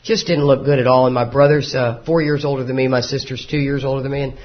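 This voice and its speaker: A man's voice: mid-range voice, steady tone, quick pace. A man, telling his life story to a recovery group in a folksy, joking way. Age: 50s. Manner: folksy, joking storyteller who often laughs. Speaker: recovery meeting speaker. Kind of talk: personal recovery talk to a live group. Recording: dull lo-fi meeting recording.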